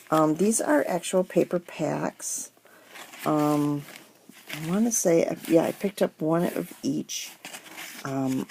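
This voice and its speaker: Woman, middle-aged, slow, gravelly, chatty haul vlog, noisy home recording. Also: low-pitched, warm tone. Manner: chatty, rambling with many ums. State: has the hiccups. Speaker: crafting vlogger. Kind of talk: casual haul video. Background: paper crinkling and rustling.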